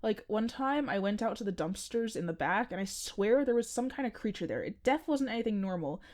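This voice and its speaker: Brisk and lively in intonation, a woman with a medium, darkish, natural-sounding voice acts as an earnest seventeen-year-old boy hosting a podcast. In this conversational audio drama, her character is chatty, casual and insistent.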